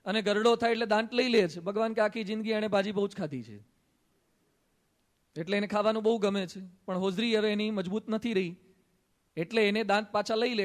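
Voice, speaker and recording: High-voiced Gujarati monk preaching. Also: male voice. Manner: storytelling with quoted dialogue and humor. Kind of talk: sermon. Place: assembly hall.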